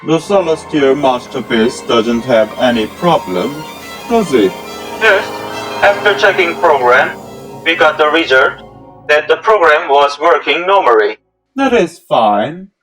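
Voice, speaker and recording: Speaking a little slowly, a man with a fairly high, slightly bright voice acts expressively in an amateur audio drama. The script is in formal, stilted English with non-native phrasing, and instrumental music runs under his voice.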